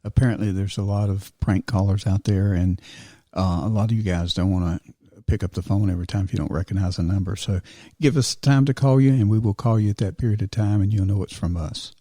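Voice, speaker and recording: A man hosting a paranormal podcast, talking in a relaxed, halting way with many fillers. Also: on the low side, dry recording, clean studio sound. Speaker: podcast host. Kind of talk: casual podcast chat.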